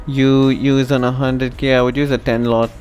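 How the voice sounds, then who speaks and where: A man from India casually commenting on a live stream, chatting to his viewers in a relaxed way. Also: medium pitch, moderate pace, lo-fi sound, soft background music. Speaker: live trading stream host.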